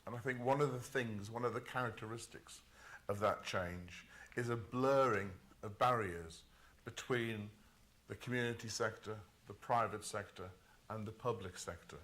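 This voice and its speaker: A man giving measured, emphatic remarks as a panelist at a conference. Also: on the low side, a bit bright.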